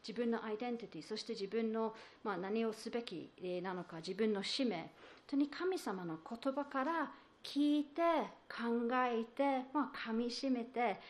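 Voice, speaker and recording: A woman preaching a sermon, explaining patiently and asking the listeners questions, with many fillers and restarts. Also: fairly high pitch. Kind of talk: sermon on a psalm.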